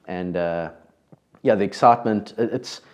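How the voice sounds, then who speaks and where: A South African man with a low voice and a South African accent hosts a podcast at normal speed, keeping it casual and conversational with frequent restarts.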